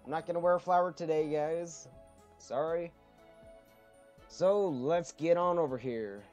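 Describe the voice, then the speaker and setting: A man's voice: a little high, unhurried, darkish tone. A man hosting a casual gameplay commentary, rambling along and chatting with frequent ums. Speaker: let's play host. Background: faint game music.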